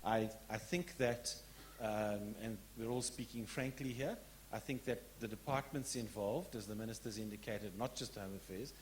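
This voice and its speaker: A man in the audience of a public lecture, making an earnest, frank statement and putting a question with some halting restarts. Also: on the low side, slight background noise. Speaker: audience member asking a question.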